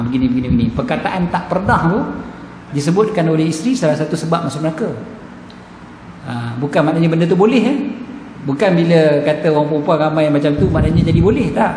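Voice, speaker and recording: A man's voice: on the high side, darkish tone, a little hiss or hum. A man with a Malaysian accent giving a mosque lecture as a religious teacher, joking and acting out the voices he quotes. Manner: humorous, acts out quoted voices. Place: mosque hall. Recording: echoey hall, background ambience.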